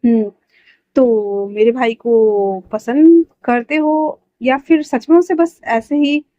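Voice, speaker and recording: A woman's voice: fairly high pitch, fairly even intonation, slow, warm tone, no room sound. A woman voicing a curious, protective young man questioning his brother's suitor, on a dull lo-fi recording. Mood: probing.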